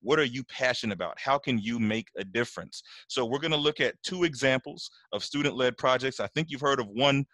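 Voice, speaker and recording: A man's voice: medium pitch, expressive, fairly quick, hardly any pauses, fairly bright tone, no room sound. Man, meeting host, earnest and encouraging, lots of ums, dry close mic. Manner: earnest, encouraging, uses many fillers. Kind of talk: online meeting hosting.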